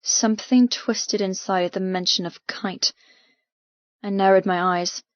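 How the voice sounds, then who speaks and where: A woman with a mid-pitched voice narrates a first-person story as an audiobook, intense and dramatic yet steady in tone and unhurried. There is no room sound, leaving the recording very dry and a little dull.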